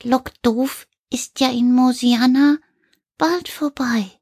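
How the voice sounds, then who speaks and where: A woman voicing Karl, a small serious male toy figure, speaking in a slow hushed way for a children's story. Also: sits high, steady tone, husky, no echo, studio quality, voice pushed up, exaggerated voice. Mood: solemn. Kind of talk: reading a children's story aloud.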